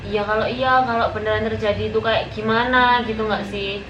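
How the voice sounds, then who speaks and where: A woman's voice: medium pitch, fairly even intonation, brisk, muffled recording. A young woman chatting casually among friends. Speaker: friend who helped plan the prank. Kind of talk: casual chat. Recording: echoey room with clear background noise.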